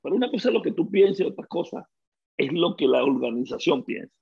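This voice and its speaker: A middle-aged Venezuelan man with a gravelly, somewhat husky voice pitched a little high. He talks like a guest telling stories in a casual interview and acts out the voices of the people he quotes. The recording sounds dull and lo-fi. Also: a little fast. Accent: Venezuelan Spanish. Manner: lively storyteller who acts out quoted dialogue. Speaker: guest, former baseball player.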